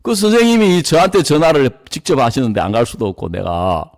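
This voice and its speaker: A man's voice: medium pitch, fairly quick. A middle-aged man, a pastor telling a story from his own life in a sermon, acting out the people in it.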